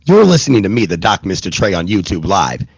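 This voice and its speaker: A man's voice: sits low, very animated, a little fast, creaky, husky, no echo. A male host of a live web radio show, who grew up in the southwestern US and Germany, talks loosely with lots of fillers and self-mocking jokes.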